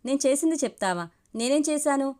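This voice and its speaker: A woman doing a fiery young woman's voice in a storybook reading, pitched a bit high, scolding and sharp-tongued. She snaps out indignant lines, tense and bright. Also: brisk, natural voice.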